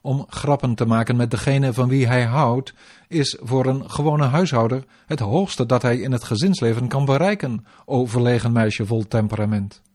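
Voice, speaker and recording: A gentle, teasing divine lord, read by a man in his own formal reading voice. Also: mid-range voice, moderate pace, lightly acted. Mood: tender. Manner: even, formal devotional reading. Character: playful divine lord consoling his wife. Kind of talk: scripture reading.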